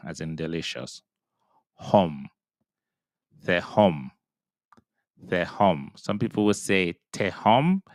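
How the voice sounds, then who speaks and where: A man with a very low, smooth voice walks learners through Hebrew pronunciation at an unhurried pace, sounding out each syllable and repeating it patiently. The recording is dry and close, with no room sound. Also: a bit bright, dry recording. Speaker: Hebrew reading teacher. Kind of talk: slow step-by-step pronunciation lesson.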